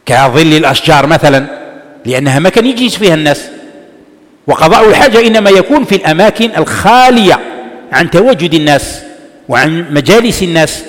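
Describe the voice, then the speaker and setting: A man giving a religious lesson, explaining a text and answering his own rhetorical questions. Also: on the high side. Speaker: religious teacher. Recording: long reverb of a large hall.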